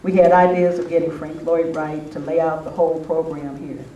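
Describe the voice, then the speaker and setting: Speaking at normal speed in a flat, mellow way, this older man has a voice on the high side and shares anecdotes informally with a spiritual retreat gathering. The sound is muffled and roomy, picked up by a distant mic with faint noise.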